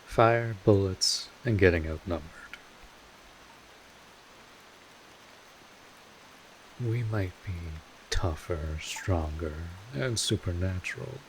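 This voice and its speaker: In an intimate audio drama, a man plays a wry, laid-back vampire mentor, casual and sardonic, with drawn-out pauses. He sounds protective, a little world-weary, matter-of-fact and caring. His voice sits low, and the background is noisy.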